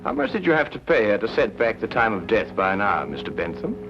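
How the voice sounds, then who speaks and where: Sherlock Holmes, dry and witty. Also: male voice, fairly low pitch, big pitch swings, fast. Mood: calm. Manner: cool, teasing, precise deductions. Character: brisk, dry, witty male Victorian detective. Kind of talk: 1950s TV drama acting. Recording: dull 1950s TV soundtrack with music.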